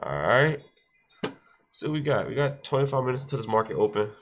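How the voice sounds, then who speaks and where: At medium pitch and a little fast, with a sing-song lilt, a stuffy-nosed man hosts his day-trading livestream. He talks straight to chat, repetitive and exhorting, and works in a short devotional among the casual chatter.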